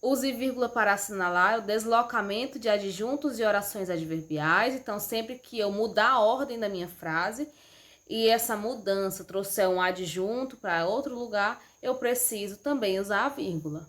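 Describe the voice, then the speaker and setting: A woman's voice: mid-range voice, normal speed, a bit bright. A woman teacher, talking over slides in a patient, explanatory way and often checking in with "né?" and "certo?". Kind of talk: slide lesson on punctuation.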